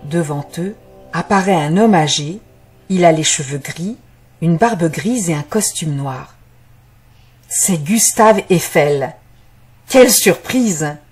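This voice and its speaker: A woman reading a scripted story for language learners as narrator, in a measured, carefully articulated way. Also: sits low, animated, a little mellow, breathy edge, soft background music.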